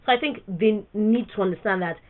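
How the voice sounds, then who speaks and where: A woman co-hosts a casual music podcast, pressing her opinions with emphatic, rapid-fire delivery. Her voice comes through thin and narrow, like a phone line. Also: mid-range voice. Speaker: podcast co-host.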